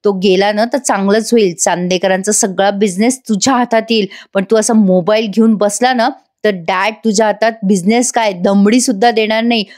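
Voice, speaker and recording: A woman's voice: mid-range voice, fairly even intonation, moderate pace, hardly any pauses, close to an everyday voice. Woman voicing a scheming scolding mother. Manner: scolding, sharp. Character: scheming mother, scolding her lazy son.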